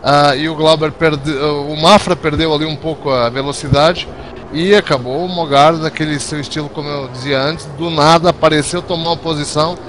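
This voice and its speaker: A man with a slightly high voice analyses a motor race conversationally as a commentator. Clear car noise sits behind him. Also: steady tone, normal speed, fairly bright tone.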